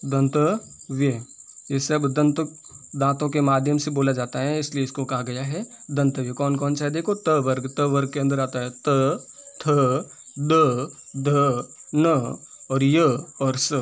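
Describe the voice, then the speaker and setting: A man teaching a grammar lesson for exam preparation, speaking with a Rajasthani Hindi accent, spelling sounds out one by one and repeating each term. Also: mid-range voice.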